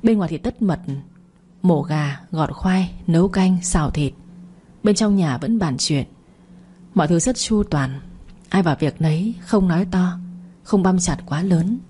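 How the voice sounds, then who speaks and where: Woman, steady audiobook narrator, dark husky voice. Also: fairly low pitch, measured pace. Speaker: storyteller.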